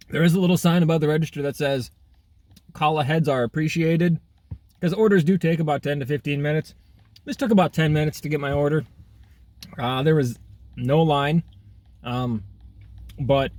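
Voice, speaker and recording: A slightly high-voiced man chatting through a casual food review vlog while he eats. He talks with his mouth full and breaks into eager exclamations. He is filming himself outdoors in half sun, half shade. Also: darkish tone, no room sound. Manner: chatty, eating while talking, frequent exclamations. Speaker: food vlogger.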